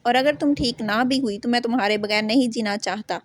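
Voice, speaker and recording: A devoted young male doctor in a storybook romance, pleading and tender with the woman he loves, as a woman reads him out. The voice stays fairly high and the sound is dry and close. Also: no room sound, lightly acted.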